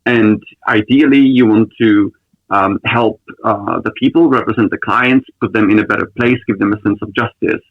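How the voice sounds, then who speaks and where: A man from the Republic, a lawyer answering interview questions in a thoughtful, measured way with frequent ums. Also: fairly low pitch, steady tone, no echo, phone-quality sound. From Czech Republic. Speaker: lawyer guest.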